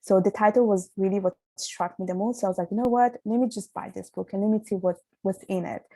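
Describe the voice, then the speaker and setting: A woman's voice: mid-range voice, fairly even intonation, fast, warm tone, no room sound, rough recording. A young woman with an Italian accent, a podcast guest talking earnestly in a casual interview and often restarting her sentences. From Italy.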